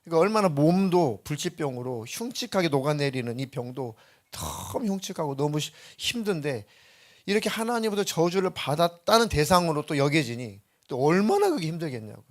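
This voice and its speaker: Male pastor, church sermon, emphatic, asks rhetorical questions, fairly high voice. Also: very animated, brisk. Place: church sanctuary.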